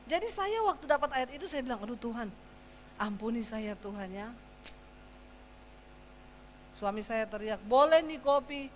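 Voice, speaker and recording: Brief: middle-aged woman preacher, slightly high voice, animated storytelling, faint hum behind. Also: normal speed, pauses often. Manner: animated, acts out quarrels with her husband, shifting loud and soft. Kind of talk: sermon with storytelling.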